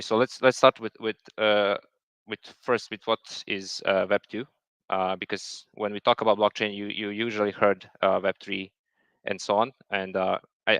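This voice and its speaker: A man's voice: fairly low pitch, a bit bright, smooth, no room sound. A man giving a technical talk, hesitant and full of fillers and repeated words. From Serbia. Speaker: software engineer presenting a talk. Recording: dull lo-fi sound.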